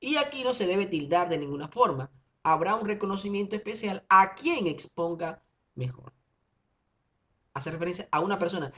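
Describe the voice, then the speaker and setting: A woman's voice: mid-range voice, animated, moderate pace, fairly bright tone. A woman teacher explaining a grammar lesson, reading out examples and checking in with short questions. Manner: reads out examples, checks in with '¿ve?' and '¿verdad?'. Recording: dull lo-fi recording.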